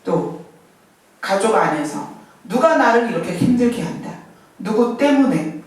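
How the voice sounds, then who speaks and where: Middle-aged woman preacher, animated sermon full of questions, recorded from a distance in a very echoey church. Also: medium pitch, measured pace. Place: church sanctuary. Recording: echoey hall, mic from far off.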